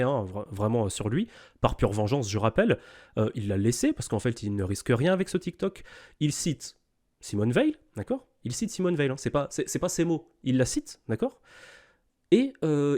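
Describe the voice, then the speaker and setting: A man's voice: medium pitch, darkish tone. A man giving informal, off-the-cuff reaction commentary, scornful and lecturing, checking in with short tag questions. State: sick.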